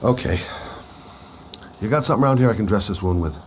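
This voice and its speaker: An actor playing a world-weary, gruff but caring male private investigator in a video game. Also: fairly low pitch, expressive, fast, darkish tone, a little hiss or hum, natural voice. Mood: steady, reassuring. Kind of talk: video game voice acting, muttering to himself and reassuring.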